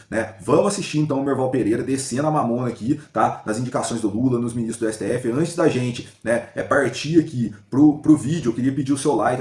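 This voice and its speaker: A man's voice: mid-range voice, darkish tone. A man talks through a political react video in a loose, chatty way, checking in with his viewers every few phrases. His voice sits in a middle range and rings a little in a reverberant room. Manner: chatty, repeats "tá?" and "né?" between phrases. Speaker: political react channel host. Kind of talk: casual political commentary.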